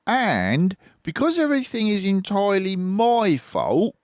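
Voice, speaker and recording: A man's voice: sits high, wildly swooping pitch, measured pace, no room sound, clean studio sound, voice pushed up, full character voice. A man voicing a confident, generous, scheming male fox for a children's storybook, grandly persuasive and savouring his words. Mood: magnanimous.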